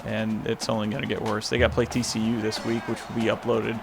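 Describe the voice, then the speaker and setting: A man's voice: lowish voice, monotone, fast, gravelly, over loud music. A man hosting a gaming channel, casually rambling over the gameplay with lots of fillers and self-mocking asides.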